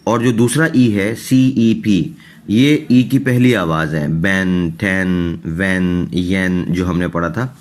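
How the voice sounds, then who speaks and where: A man teaching English pronunciation in a recorded online lesson, slow and methodical, saying each example word twice. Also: low-pitched.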